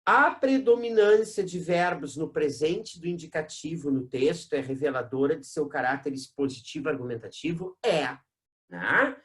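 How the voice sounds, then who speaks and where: A teacher with a Brazilian accent giving a recorded exam-prep class, constantly adding quick tag questions and drawing out key terms slowly for emphasis. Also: medium pitch.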